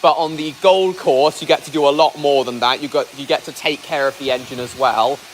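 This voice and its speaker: A man with a voice on the high side talks fairly quickly in a steady tone during a casual outdoor livestream at a heritage railway engine. As a train enthusiast, he often repeats himself and raises his voice over the loud steam engine noise behind him.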